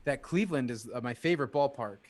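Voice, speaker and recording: Playful, animated man in casual chat. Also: fast, no echo. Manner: laughing, playful, mimics friends in high squeals. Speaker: podcast co-host. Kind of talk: casual watch-party chat.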